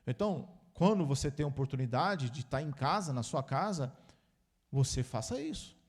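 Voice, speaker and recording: A man's voice: mid-range voice, animated, moderate pace. A male pastor preaching a conversational sermon, calling his listeners brothers and acting out short dialogues with church members.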